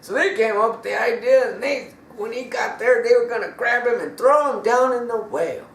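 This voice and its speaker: A man's voice: extremely high pitch, moderate pace. A man telling a children's bible story in a casual, emphatic way, recorded from a distance in an echoey room. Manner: animated, emphatic, casual grammar.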